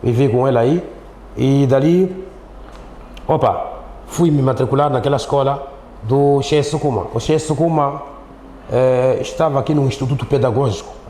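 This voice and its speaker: Speaking at a moderate pace, the mid-range, mellow voice belongs to a middle-aged Mozambican man who teaches Islam and is being interviewed. He tells his story casually, says things more than once, and tends to finish with tag questions. The recording, made in an echoey studio, has roomy echo and faint background noise.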